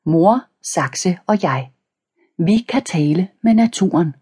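Husky, low-voiced woman narrating. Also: lively intonation, dark tone. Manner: reads page numbers aloud between passages. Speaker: audiobook narrator. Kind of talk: scripted first-person narration of a children's book.

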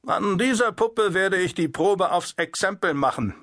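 A man's voice: sits high, lively intonation, a little slow, fairly bright tone, dry recording, studio quality, pitched above the performer's own voice, full character voice. A man voicing a domineering, suspicious Prussian sentry who barks orders and talks down to people. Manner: domineering, condescending, barking orders. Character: overbearing male Prussian sentry, adult, suspicious.

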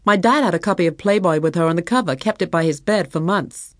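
A woman's voice: on the low side, fast, no echo, studio quality, lightly acted. A woman doing a slack, mumbling scruffy young guy. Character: scruffy young grungy hanger-on man, dim.

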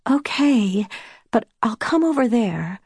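A woman voicing a patient, gentle girl who murmurs softly, like a storyteller. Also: on the high side, big pitch swings, slow pace, husky, dry recording, clean studio sound, full character voice.

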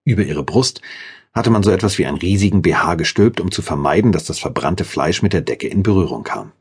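A man's voice: low-pitched, expressive, brisk, slightly rough. A man reading a thriller audiobook in the first person, with a dramatic and intense delivery. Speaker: audiobook narrator.

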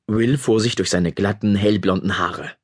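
A man reading a children's audiobook in lively, expressive narration. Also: on the low side, moderate pace, slightly rough.

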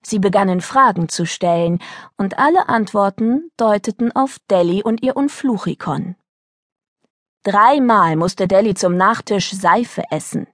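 A woman narrating a children's book in a lively storytelling manner, recorded close to a studio mic. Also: medium pitch, unhurried, no room sound. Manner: lively storytelling, voicing characters. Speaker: audiobook narrator.

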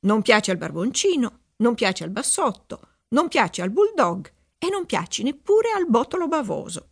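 A woman's voice: a little high, big pitch swings, moderate pace, breathy edge, pitched above the performer's own voice, full character voice. A woman voicing a haughty, spoiled seven-year-old princess who scolds in indignant outbursts. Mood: furious.

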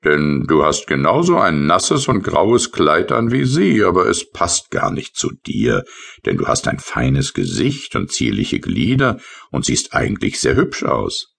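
A man's voice: very deep voice, huge pitch swings, unhurried, creaky, a bit bright, voice pushed up, heavily acted. A man doing a grumpy, weary painter. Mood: grumbling. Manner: sulky and complaining. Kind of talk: children's audiobook reading.

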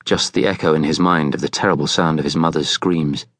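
Deep low male narrator reading a thriller, tense and measured, dry booth sound. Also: steady tone, a bit bright, no echo. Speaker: audiobook narrator.

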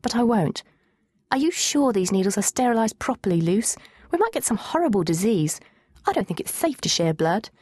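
A woman's voice: mid-range voice, sing-song, normal speed, a little mellow, slightly rough, no echo, voice pushed up. A woman narrator voicing a squeamish, dramatic teenage girl who protests and pleads in a whiny manner. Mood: pleading.

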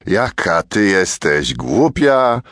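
A man's voice: lowish voice, very animated, moderate pace, no echo, studio quality. A man voicing a bossy, impatient young boy in a children's audiobook. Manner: impatient, scolding.

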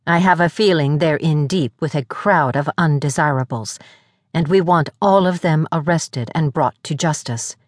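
A woman narrator voicing a calm, commanding female security director who speaks in a measured way. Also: deep voice, dry recording, clean studio sound.

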